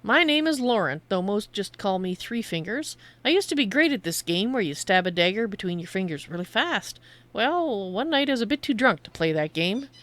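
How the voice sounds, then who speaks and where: A shady cave trader from a fantasy game, acted out by a woman, sly and boastful. The delivery is roguish sales patter, pitched a little up and pushed out louder. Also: very animated, normal speed. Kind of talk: voiced reading of video game dialogue.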